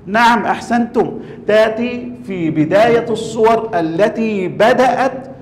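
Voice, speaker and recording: A man teaching Quran recitation to a class, quizzing students and drawing out example words slowly. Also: high voice, reverberant, big-room sound, slight background noise. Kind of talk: classroom tajweed lesson.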